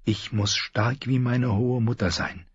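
A man voicing a nervous, earnest young noble girl who speaks softly and pleadingly, in a slightly muffled audiobook recording. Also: mid-range voice, fairly even intonation, measured pace, slightly rough, no echo, voice pushed up. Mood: inner resolve. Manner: soft, pleading.

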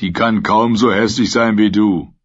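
A man's voice: on the low side, steady tone, measured pace. A man voicing a crude noseless mercenary. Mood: jeering. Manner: crude, jeering. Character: crude burly noseless male sellsword. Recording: dull lo-fi recording.

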